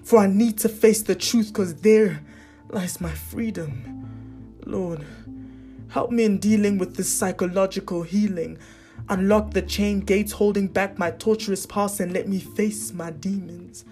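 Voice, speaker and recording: A woman performing a spoken word poem in an intense, dramatic way, slowing to hushed line endings. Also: mid-range voice, soft background music.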